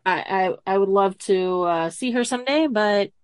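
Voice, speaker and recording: A woman's voice: mid-range voice, moderate pace, smooth, no echo. Dry-sounding woman telling spooky tales. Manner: reads a child's story aloud, many ums. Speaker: podcast co-host. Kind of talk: casual storytelling chat.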